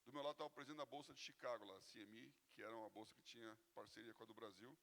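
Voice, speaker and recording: Man, Brazilian accent, pastor, gravelly voice, chatty storytelling sermon, long reverb of a church hall. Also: medium pitch, rapid-fire, fairly bright tone. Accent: Brazilian Portuguese. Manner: conversational storytelling, frequent "né?" tags. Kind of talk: sermon with personal anecdotes.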